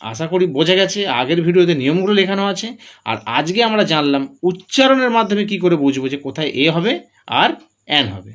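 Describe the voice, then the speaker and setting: A man teaching a lesson, his voice sitting high and swinging widely as he goes. He poses a question, then answers it himself, stepping through example after example in a classroom style. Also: expressive, fast, fairly bright tone. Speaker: English grammar teacher.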